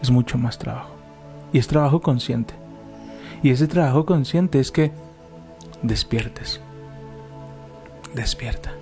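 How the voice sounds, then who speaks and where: Man, animated then prayerful. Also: medium pitch, faint music behind. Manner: animated storytelling, slows into fervent prayer. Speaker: co-host and preacher.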